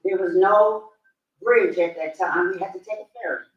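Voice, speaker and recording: A woman's voice: fairly low pitch, moderate pace, highs cut off. A woman in her eighties from Staten Island, New York City, speaking up from the audience with emotional, effusive praise. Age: 80s. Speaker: audience member. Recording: roomy and distant.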